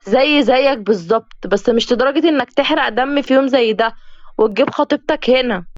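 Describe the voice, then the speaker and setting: A woman's voice: sits high, brisk, no room sound, lightly acted. Woman doing a sarcastic, stubborn Egyptian bride. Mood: cold. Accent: Egyptian Arabic. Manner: sarcastic, blunt. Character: sharp-tongued young bride, stubborn and sarcastic. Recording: dull, dry lo-fi recording.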